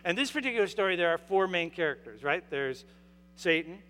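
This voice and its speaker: A man preaches a sermon in a slightly high voice, earnest and conversational, often stopping to restart his phrasing. His words ring out with a long reverb that trails through a large church sanctuary. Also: very animated, a little fast, bright, forceful tone, faint music behind. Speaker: pastor. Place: church sanctuary during a service.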